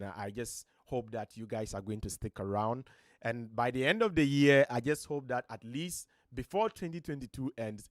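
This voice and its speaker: A Ghanaian man with a deep, slightly strained voice hosts a live stream from his home studio, giving an earnest, motivational talk punctuated by emphatic rises. The recording has no echo.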